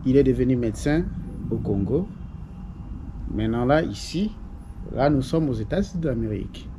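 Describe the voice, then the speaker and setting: A man's voice: medium pitch, animated, normal speed, background noise. A man interviewing a guest, speaking with frequent hesitations and fillers. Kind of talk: casual interview.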